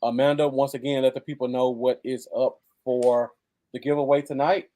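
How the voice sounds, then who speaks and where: A man's voice: mid-range voice, level tone, moderate pace, mellow. An American man chatting casually as co-host of a live football fan show. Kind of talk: casual live sports chat.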